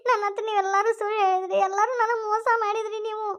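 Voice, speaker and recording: A voice actor portrays a distraught, grieving middle-aged village mother with a North Karnataka Kannada accent, sobbing and pleading in a high-pitched voice. The delivery is fast and a little bright, with little movement in pitch.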